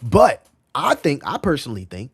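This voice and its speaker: A man's voice: on the high side, wildly swooping pitch, moderate pace, fairly bright tone, breathy edge. Slangy, repetitive male streamer. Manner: loose, slangy and repetitive, often calling out "bro"; talks back to chat messages as he reads them. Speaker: crypto livestream host. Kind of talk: casual live-stream chat.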